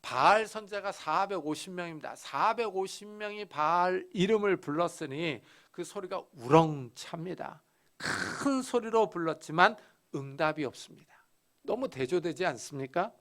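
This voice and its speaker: A man preaching an expository sermon as a pastor, telling a Bible story with dramatic pauses and emphasis. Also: high-pitched, lively intonation, a bit bright.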